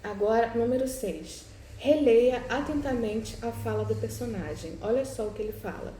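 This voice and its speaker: A woman's voice: a little high, moderate pace, warm tone. Brazilian woman teacher, echoey room. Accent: Brazilian Portuguese. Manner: explanatory, frequent "né?" and "tá?" check-ins. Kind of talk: recorded class lesson, correcting exercises. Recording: echoey room with faint background noise.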